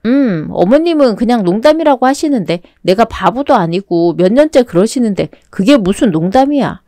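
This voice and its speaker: A woman telling a radio drama story in her own plain voice, fairly high and lively in pitch. The sound is dry and close. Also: moderate pace, no echo. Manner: plain, restrained, low-key. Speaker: narrator and lead character.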